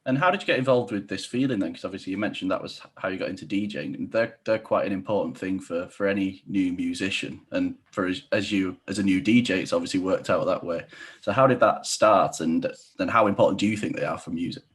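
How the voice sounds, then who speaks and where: A man's voice: low-pitched, fast talker, breathy edge. A young man casually interviewing a guest on a video call, asking long, hesitant questions. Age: young adult. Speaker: podcast interviewer. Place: indoor room, video call.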